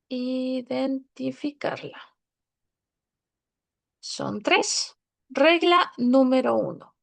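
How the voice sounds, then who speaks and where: A woman's voice: sits high, gravelly. A woman teaching a language class online, patiently repeating words and checking that students follow.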